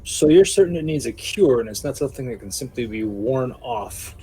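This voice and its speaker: A man's voice: medium pitch, lively intonation, a little fast, warm tone. A man playing a tabletop game who asks direct, pointed questions, over a remote call microphone. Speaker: player. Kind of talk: casual tabletop game chat.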